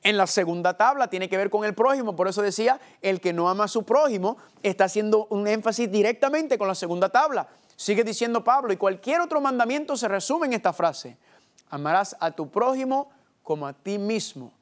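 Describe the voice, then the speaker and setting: High-voiced male preacher, expressive. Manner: calls listeners "familia", asks and answers his own questions; preaches expressively, slowing and pausing for emphasis. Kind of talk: sermon.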